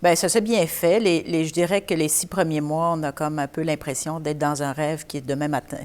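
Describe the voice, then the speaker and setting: A woman in her fifties from Belgium, a guest in a theatre lobby interview, talking haltingly with many fillers and restarts. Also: low voice, fairly even intonation, a little mellow. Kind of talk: casual interview.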